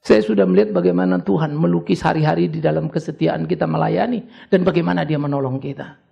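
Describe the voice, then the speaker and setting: Gravelly, animated older preacher man. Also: a little high, quick pace, highs cut off. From Indonesia. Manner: conversational preaching with sudden rising exhortations. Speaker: pastor. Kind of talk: sermon.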